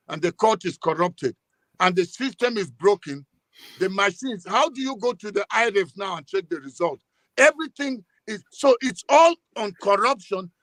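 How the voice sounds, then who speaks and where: A man with a high, slightly bright voice and a Nigerian accent delivers political commentary during a live discussion. He speaks emphatically, stopping and repeating himself, and the sound is close and dry, without room sound.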